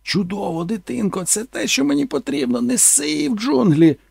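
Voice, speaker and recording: A man voicing an excitable, bossy male film director who shouts his orders in an audiobook. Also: sits high, a little fast, gravelly, husky, no echo, voice pushed up, heavily acted. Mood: shouting. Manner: shouting, enthusiastic. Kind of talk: audiobook character voice.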